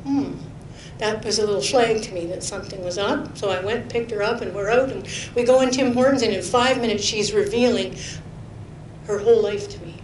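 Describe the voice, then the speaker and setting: A woman's voice: fairly quick, a little mellow. A middle-aged woman, preaching a sermon full of personal testimony in an earnest, chatty way. She laughs often and drops to a near-whisper for emphasis. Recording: roomy hall echo with faint rumble.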